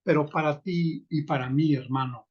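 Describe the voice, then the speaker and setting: A man preaching a sermon, speaking slowly and deliberately, calling his listeners brothers and reading scripture aloud. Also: on the high side, fairly even intonation, slightly rough. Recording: dull lo-fi recording.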